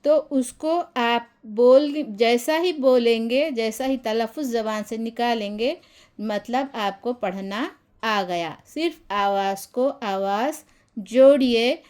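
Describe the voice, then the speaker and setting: A woman with a high voice gives a beginner phonics lesson at a slow, unhurried pace. She says each letter's sound again and again and cheers her viewers on as she teaches. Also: darkish tone, clear, resonant tone. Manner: slow, patient, repeats each sound several times; addresses viewers directly and encourages them.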